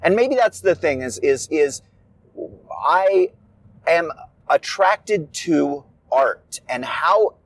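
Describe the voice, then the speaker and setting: A man's voice: on the high side, animated, slow, no room sound. A man who writes, musing aloud in a casual solo podcast with wry, wandering asides.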